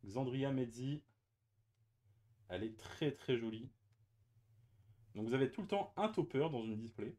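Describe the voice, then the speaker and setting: A man's voice: medium pitch, expressive, a little slow, long pauses, dark tone. A man chatting casually as he opens trading card boosters on camera, hesitant with many fillers and restarts. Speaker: card-opening YouTuber. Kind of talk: casual unboxing commentary.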